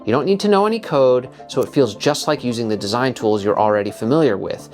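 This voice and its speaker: A man's voice: medium pitch, fast, a little mellow, soft background music. A man hosting a design video, giving scripted narration with an explanatory, punchy delivery.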